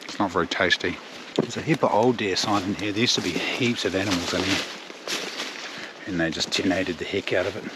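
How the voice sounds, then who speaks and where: Male outdoor vlogger, broad Kiwi accent, lowish pitch, laconic and slangy, noisy open-air sound. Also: brisk. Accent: broad New Zealand. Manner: laconic, slangy, swears easily. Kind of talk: casual vlog chat. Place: outdoors in bush and by a river.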